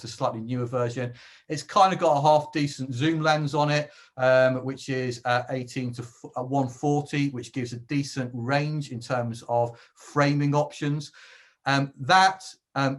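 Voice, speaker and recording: Chatty man giving a webinar. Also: medium pitch. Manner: chatty and jokey, with dry asides. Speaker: webinar presenter. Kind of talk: informal webinar talk on video gear.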